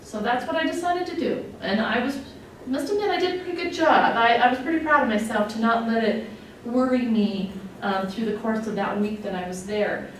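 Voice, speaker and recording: A woman's voice: a little high, a little fast, few pauses. A woman in her forties from Wyoming, a nurse executive telling her own story in a candid, conversational way, with many fillers and open emotion. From Wyoming, USA. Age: 40s. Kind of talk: personal testimony talk. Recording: echoey room, distant mic, faint noise.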